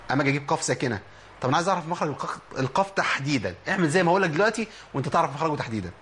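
A man with an Egyptian accent giving a spoken tajweed lesson, explaining and then slowly drilling sounds, asking questions and answering them himself. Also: fairly high pitch, a bit bright, a little hiss or hum. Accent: Egyptian Arabic. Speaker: Quran recitation teacher.

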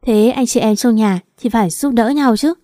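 A woman voicing a sharp-tongued older mother-in-law who scolds and mocks in a loud, sarcastic way. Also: fairly high pitch, moderate pace, no echo, clean studio sound, lightly acted. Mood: preachy.

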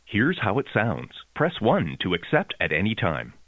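Brief: male automated phone system voice, spliced-together prompts, pitch leaps wildly from word to word, tinny phone line. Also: huge pitch swings, normal speed, no room sound. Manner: stilted, jumps in pitch between spliced words. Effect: prerecorded phone prompts with spliced together words. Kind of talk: automated phone menu announcements.

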